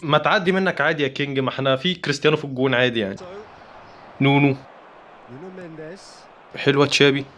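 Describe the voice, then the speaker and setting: A man with an Egyptian Arabic accent giving excitable commentary while playing a football video game, chanting player names in quick bursts. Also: medium pitch, noisy background. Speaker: gaming YouTuber. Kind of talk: live gameplay commentary.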